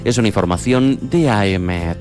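Weather reader, man with a lowish voice, steady delivery, light guitar music beneath. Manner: steady, measured reading. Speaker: weather presenter. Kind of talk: read weather forecast.

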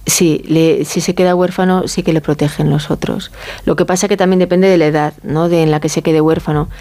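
Briskly and warmly, a low-voiced woman from Galicia, Spain, speaks as an expert interview guest with a Spanish accent. Her tone stays steady as she explains informally and conversationally, often seeking agreement through tag questions.

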